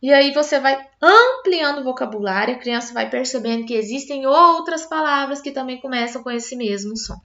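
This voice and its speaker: Woman teacher, high pitch, patient step-by-step explainer, slightly muffled recording. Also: animated, moderate pace, few pauses, sharp tone. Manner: patient, explains step by step with frequent "tá?" tag questions. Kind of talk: explanatory lesson.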